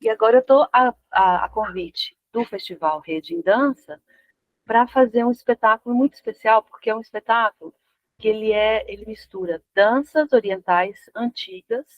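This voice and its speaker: A woman in her fifties from Argentina, a guest dancer talking casually in an interview, relaxed and pausing to find her words. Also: a little high, muffled recording. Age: 50s. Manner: relaxed, searching for words with restarts.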